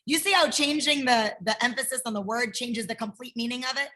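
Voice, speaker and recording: A woman's voice: a little high, a little fast, pushed and bright. A woman martial arts instructor teaching a kids' life-skills workshop over a video call, upbeat and encouraging as she asks the class questions.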